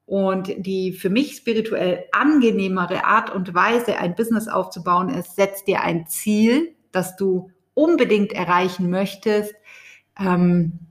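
Woman podcast host, unhurried, off the cuff, chatty spiritual coaching talk. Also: medium pitch. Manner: speaks off the cuff with fillers, warm direct address.

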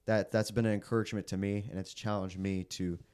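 A young man preacher sharing his testimony in a casual interview, earnest and halting with frequent restarts. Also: fairly low pitch, flat delivery, a little mellow, smooth. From raised in the Philippines, American. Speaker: guest preacher.

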